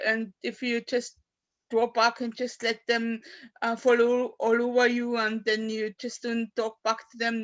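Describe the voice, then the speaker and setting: A poet at an open mic, an Austrian woman in her fifties whose first language is German, speaks haltingly about her life, full of fillers and restarts, mixing personal talk with a poetry reading. Her voice is on the high side. It's captured over a video call, with dull, lo-fi audio.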